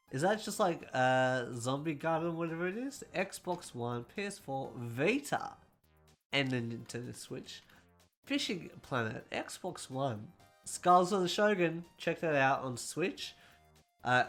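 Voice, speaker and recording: A man hosting a casual gaming news roundup, talking quickly and correcting himself as he goes. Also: on the high side, a bit bright.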